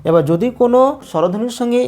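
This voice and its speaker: A teacher giving a slow, methodical pronunciation lesson, saying each sound several times. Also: mid-range voice, dark tone, slight background noise.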